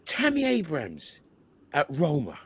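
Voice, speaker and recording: High-voiced cheeky man bantering. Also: huge pitch swings, unhurried, breathy edge. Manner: cheeky, bantering, reads out comments. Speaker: co-host. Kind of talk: casual football banter.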